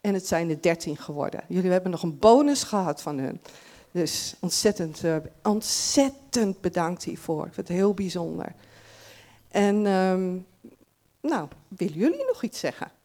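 A woman's voice: lowish voice, sing-song, normal speed. Chatty woman giving a farewell address. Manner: warm, chatty, many fillers and restarts. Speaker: church service speaker. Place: church service.

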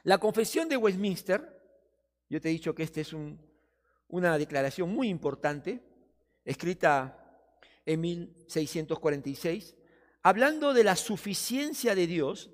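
A male pastor preaching a sermon, often acting out doubters and busy churchgoers in quick quoted asides. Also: high voice, lively intonation. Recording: long reverb of a church hall.

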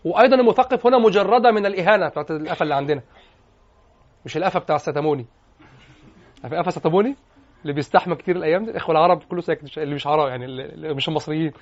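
A man with an Egyptian accent giving a lecture on classical poetry, animated, often asking his listeners questions and switching into colloquial speech. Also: on the high side, rapid-fire. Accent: Egyptian Arabic. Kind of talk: lecture to students. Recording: dull lo-fi lecture recording.

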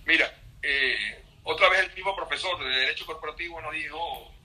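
A man's voice: a little high, moderate pace, rough recording. A man, a guest in an interview, telling stories with animation and acting out the quotes. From Venezuela. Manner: animated storyteller, acts out quotes. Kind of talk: conversational interview.

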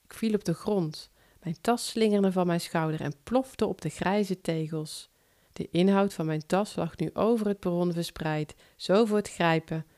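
A woman author narrating her own first-person short story in a calm, measured reading voice. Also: on the low side.

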